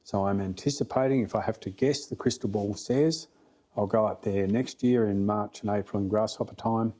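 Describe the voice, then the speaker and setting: A man's voice: fairly low pitch, fairly even intonation, moderate pace, mellow. A middle-aged Australian man telling stories casually as a fly fishing guide on a podcast, plain-spoken and blokey with emphatic repetition.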